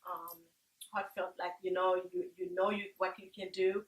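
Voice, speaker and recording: A woman from Haiti who founded a charity, answering interview questions earnestly, halting with many fillers. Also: lowish voice, level tone. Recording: echoey room.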